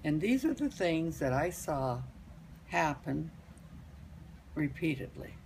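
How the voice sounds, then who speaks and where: An elderly woman, a grandmother, casually telling family stories in a halting, rambling way and repeating phrases for emphasis. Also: deep voice, big pitch swings, darkish tone, slight background noise. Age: older, grandmother.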